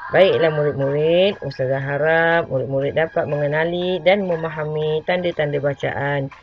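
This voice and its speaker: A woman's voice: sits low, steady tone, normal speed, highs cut off. A woman teacher with a Malaysian Malay accent giving an online classroom lesson, patiently repeating key points and asking her pupils questions. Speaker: religious schoolteacher.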